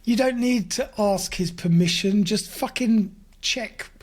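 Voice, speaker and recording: A man's voice: high voice, unhurried. A man co-hosting a podcast in casual chat, blunt and sarcastic, swearing freely. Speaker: podcast co-host.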